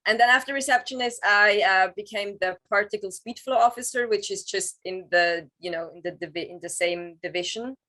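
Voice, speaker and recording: This is a woman in her thirties from Switzerland, a native Swiss German speaker with a Swiss German accent, appearing as a guest in a casual video-call interview. She speaks English hesitantly, pausing often with "um" and searching for words. Her voice is mid-range with a sharp tone.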